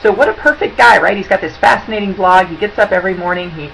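This auction consultant, a woman in her forties, talks fast in a gravelly, fairly bright medium-pitched voice. She goes through tips on slides, speaking to her desk webcam in a lively, chatty way from an indoor room. The recording is low quality with a little hiss or hum.

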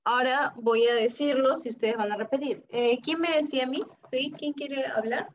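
A woman English teacher, teaching an online class to young children and drilling words slowly and patiently for them to repeat. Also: high voice. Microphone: computer mic on a video call. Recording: muffled video-call audio.

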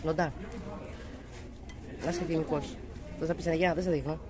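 A woman's voice: sits low, steady tone. A woman in her late thirties, chatting casually and teasingly to her viewers while vlogging with her family at home and out at a tavern. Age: late 30s. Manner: chatty, talks straight to viewers, teasing asides. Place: home and outdoor tavern at night.

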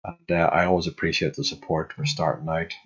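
A man in his thirties with a husky voice, giving casual reaction commentary as a gaming YouTuber. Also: extremely low pitch, level tone, a little fast, lo-fi sound. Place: small bedroom. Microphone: headset.

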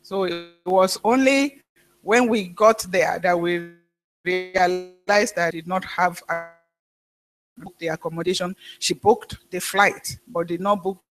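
A woman pastor preaching a sermon, telling a story in a halting way with frequent restarts. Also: lowish voice.

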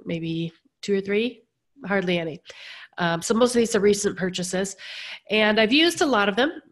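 A woman hosts a casual live podcast in a mid-pitched voice. She sounds gravelly and a little hoarse, as if under the weather. Her delivery is conversational and earnest, like talking straight to her listeners. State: hoarse from being sick. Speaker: podcast host. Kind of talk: casual live-streamed talk about sewing.

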